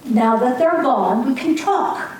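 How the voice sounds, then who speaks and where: Playing a fiery young Irish nationalist, an older community theater actor reads on an amateur stage with earnest, needling fervor. Her high voice is slow and darkish yet lively in intonation, and the far-off mic picks up echo from the hall and a faint hiss.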